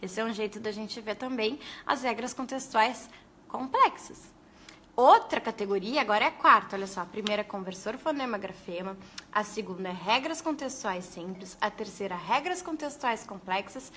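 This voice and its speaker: A woman, a pedagogue, giving a lively live lesson to teachers and talking straight to her viewers. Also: mid-range voice, normal speed, slight background noise. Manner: lively, animated, addresses viewers as "gente".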